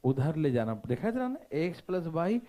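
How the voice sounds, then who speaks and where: Male math teacher, playful and interactive, animated intonation. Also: on the high side, moderate pace. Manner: animated, constantly checking understanding with listeners; playful, joking asides. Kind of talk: classroom lecture.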